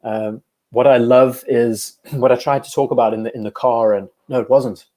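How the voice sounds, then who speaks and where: A young man in his twenties hosts a live stream in a loose, chatty way. His voice sits at an ordinary middle pitch, and he often stops to fix a word or answer the chat. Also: fairly even intonation, moderate pace, dark tone. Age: 20s. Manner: chatty, reads live chat aloud, self-correcting. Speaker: host. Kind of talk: casual livestream chat.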